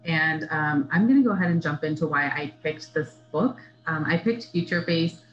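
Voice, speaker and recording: A woman's voice: sits low, moderate pace, highs cut off, faint music behind. A woman who founded a book club, introducing the month's pick on a video call. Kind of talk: casual video-call discussion. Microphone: webcam on video call.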